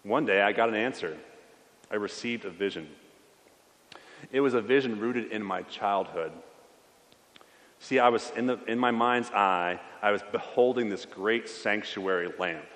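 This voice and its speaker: A man's voice: fairly low pitch, measured pace, long pauses, fairly bright tone. A man preaching in character as a young Syrian priest stranded as a refugee, speaking in a wistful, weary first-person voice. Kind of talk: sermon monologue in character. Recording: long church reverb.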